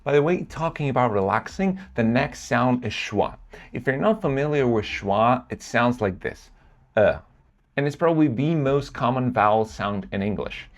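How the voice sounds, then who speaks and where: A man with an average-pitched voice presents a lesson. He narrates in an explanatory style, as a teacher of pronunciation would. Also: lively intonation, normal speed.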